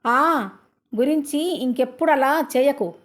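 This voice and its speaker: A woman voicing a loud, half-deaf old shopkeeper father who scolds his son-in-law. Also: high voice, unhurried. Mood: scolding. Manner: shouting, scolding.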